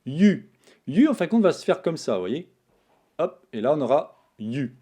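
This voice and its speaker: Chatty man with a mellow voice. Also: on the high side, normal speed, husky. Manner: relaxed, chatty, talks while drawing strokes. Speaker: Japanese teacher, channel host. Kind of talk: casual screen-tablet writing tutorial.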